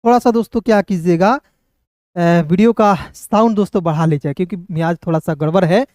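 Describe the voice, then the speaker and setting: A man teaches reading by spelling each word letter by letter and then sounding it out. He speaks somewhat softly and keeps checking in with his viewers. The sound is dry, with no room echo. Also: high voice, brisk. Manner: keeps addressing viewers as friends and checking they follow.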